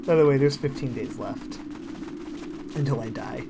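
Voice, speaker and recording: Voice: medium pitch, moderate pace, gravelly, noisy background. A streamer chatting casually while playing a game, joking along with dry humour. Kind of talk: casual gameplay chat.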